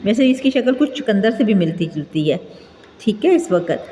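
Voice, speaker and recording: A woman leads a children's lesson, spelling words out slowly and patiently. Her pitch rises and falls in a lively, sing-song way. The recording sits in an echoey room with a long tail of reverb. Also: slight background noise. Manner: slow, patient, spells out letters one by one. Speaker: teacher.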